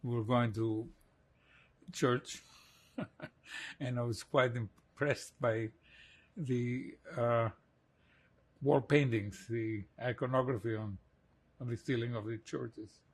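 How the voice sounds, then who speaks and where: A man in his eighties from Greece, slowly and reflectively recalling his childhood in an oral history interview, with soft laughs. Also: medium pitch, fairly even intonation, breathy edge. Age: 80s.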